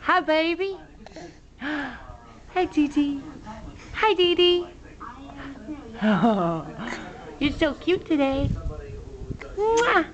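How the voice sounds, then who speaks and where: Woman in high sing-song baby talk. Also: very animated, very slow, pauses often, muffled recording. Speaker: mother talking to her baby.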